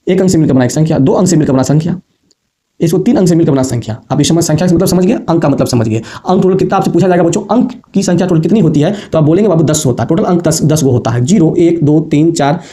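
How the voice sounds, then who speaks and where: A man's voice: on the high side, fast talker, dark tone. A man teaching a basic maths lesson to students, repeating points patiently and calling them affectionately. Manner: repetitive, addresses students as babu and bachchon.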